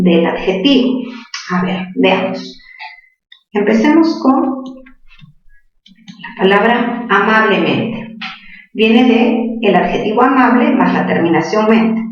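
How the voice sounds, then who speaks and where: Slow-spoken woman teacher in an echoey room. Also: fairly high pitch. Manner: patient, asks questions and answers them herself. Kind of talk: spelling lesson to students. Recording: distant echoey classroom, dull sound.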